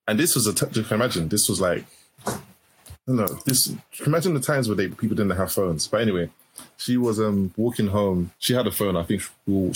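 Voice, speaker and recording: A man's voice: deep voice, a little hiss or hum, poor audio. A young man talking reflectively in a casual chat with friends, often stopping to restart his sentences.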